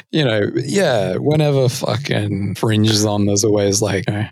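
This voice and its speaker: A man's voice: fairly low pitch, steady tone, unhurried. A young man, a podcast co-host, chatting in a laid-back way with mumbled asides. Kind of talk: casual chat.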